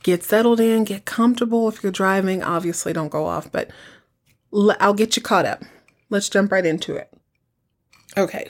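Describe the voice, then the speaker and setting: A woman hosts a recap show in a mid-range voice. Her delivery is informal and conversational, like storytelling among friends. She often breaks off for asides and puts rhetorical questions to the listener. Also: medium pitch. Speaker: podcast host. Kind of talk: casual chatty episode recap.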